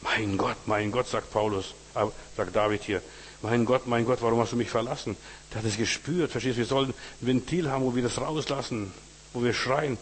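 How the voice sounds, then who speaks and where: A man's voice: mid-range voice, steady tone, brisk, a little hiss or hum. Guy preaching a sermon, keeps asking "you know?", big dramatic bible readings, long hall echo. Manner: direct address with frequent 'weißt du', dramatic scripture readings.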